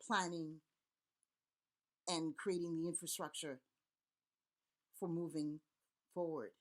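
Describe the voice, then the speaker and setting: She speaks low, steadily and slowly. A middle-aged Vodou priest and elder from Haiti, she addresses the camera with earnest passion, rallying her audience with repeated words and long lists.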